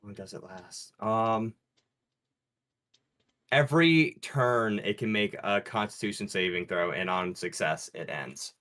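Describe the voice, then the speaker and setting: A man's voice: lowish voice, a little slow, fairly bright tone. A man playing a tabletop role-playing game, chatting casually with the group. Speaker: player in a tabletop RPG.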